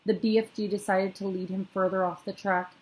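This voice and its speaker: A woman reads a children's book aloud at an even, middle pitch. Her telling is steady and plain, now and then catching a slip and fixing it. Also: brisk, rough recording. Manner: steady reading with small slips. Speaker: storyteller.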